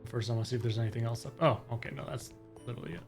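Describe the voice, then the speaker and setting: A man's voice: medium pitch, very fast, vocal fry, faint music behind. A man doing casual game playthrough commentary as a streamer, offhand, muttering and dropping into sing-song filler.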